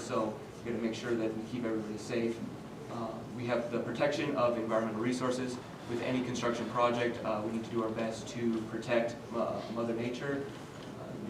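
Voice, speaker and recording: A young man giving a student team presentation, steady with frequent filler sounds, recorded from a distance in a noisy, echoey room. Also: mid-range voice, brisk, hardly any pauses.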